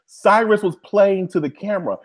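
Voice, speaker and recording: A man co-hosting a casual TV recap podcast, animated and excitable, breaking into loud cheering. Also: high-pitched, normal speed. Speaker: podcast co-host.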